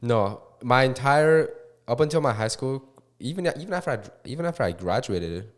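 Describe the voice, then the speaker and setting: Animated and mid-range in pitch, a young real estate investor in his twenties from Korea and California chats as an interview guest. He speaks rapidly, stumbling through restarts and fillers.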